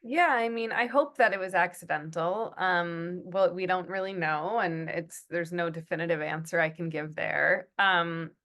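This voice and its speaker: A woman with a somewhat low voice speaks as a guest in an interview about her writing work. She thinks aloud, pausing on fillers and restarting sentences. Now and then she acts out what other people say. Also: a bit bright. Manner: thoughtful, many fillers and restarts, acts out quotes. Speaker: TV writer and producer, guest. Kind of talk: conversational interview.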